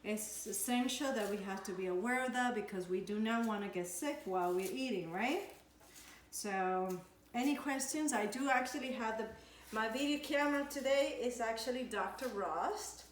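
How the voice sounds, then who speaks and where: Speaking at a moderate pace in a slightly high voice, a woman from Ecuador, a nutritionist, chats through a cooking demo at home and searches for words along the way. Dishes clatter in the echoey kitchen, and there's slight background noise.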